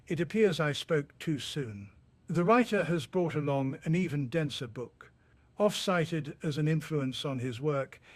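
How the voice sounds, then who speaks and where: Male mock documentary narrator, slightly high-set voice, solemn and deadpan, scripted formal delivery.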